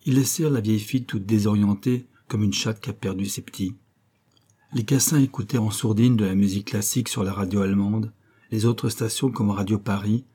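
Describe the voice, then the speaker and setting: Low husky male audiobook narrator. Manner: measured, even literary reading. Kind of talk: scripted narration.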